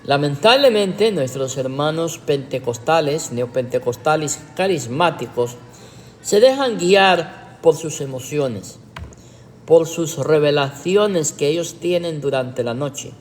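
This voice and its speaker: A man's voice: a little high, lively intonation, slow pace, in a large hall, a little hiss or hum. A man, a pastor, preaching a livestreamed teaching sermon in a sarcastic way, with emphatic rhetorical questions.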